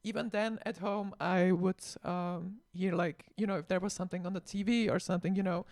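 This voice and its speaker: A woman, a guest on a casual radio chat, talking in an earnest, halting way with many fillers. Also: fairly low pitch, fairly even intonation, darkish tone.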